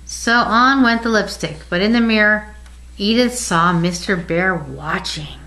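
An older woman reading a children's picture book aloud with gentle, expressive pacing. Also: medium pitch, measured pace, low-quality recording. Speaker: storybook reader.

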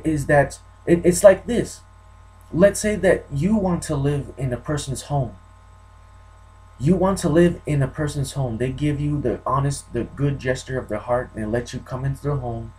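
A man's voice: medium pitch, darkish tone, rough recording. A man from New Mexico giving an unscripted vlog monologue, rambling and often repeating himself and restarting. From New Mexico, USA. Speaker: vlogger.

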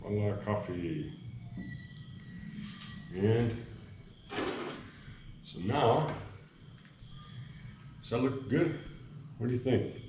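A middle-aged man, a vlogger, chats easygoingly with viewers while making coffee in a small, bare kitchen with cement walls, rambling in a casual cooking-vlog way. His voice is fairly low and expressive, and he speaks very slowly with long pauses. The room is echoey with faint background noise, and crickets chirp outside at night.

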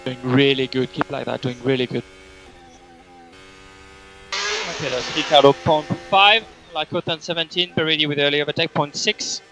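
A man's voice: on the high side, normal speed, pauses often, pushed and bright, faint music behind, rough recording. A man working as race engineer, giving terse, repetitive, clipped instructions over race car team radio. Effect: team radio transmission.

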